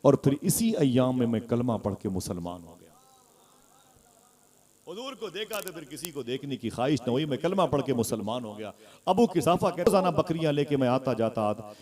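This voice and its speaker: A man's voice: mid-range voice, very animated, normal speed, mellow. Emotive male preacher telling a story. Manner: emotive, recites couplets and calls on the crowd. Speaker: Islamic preacher. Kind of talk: storytelling sermon.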